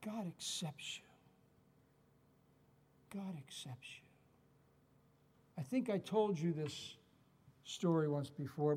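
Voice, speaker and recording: A middle-aged male pastor delivering a sermon in an earnest, emphatic way. His voice sits somewhat high for a man, and he drives points home by repeating them. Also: darkish tone, in a large hall. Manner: earnest preaching with emphatic repetition.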